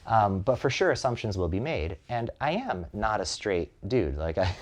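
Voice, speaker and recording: Give me a man with a very low voice, recorded up close on a microphone. He talks in a relaxed, reflective way, with lots of "like" and "um." He pauses to think as he goes. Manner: thoughtful, reflective, with frequent "like" and "um". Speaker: relating practice facilitator. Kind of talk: casual conversation. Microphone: close mic.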